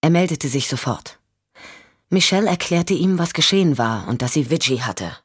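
Measured audiobook narrator, dry booth. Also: medium pitch, breathy edge, dry recording. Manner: even, measured storytelling. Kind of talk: scripted narration.

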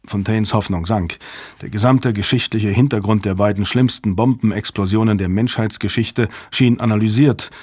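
A man narrating a thriller audiobook in a steady, even storytelling manner on a close microphone. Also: lowish voice, moderate pace, no room sound. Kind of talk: scripted narration.

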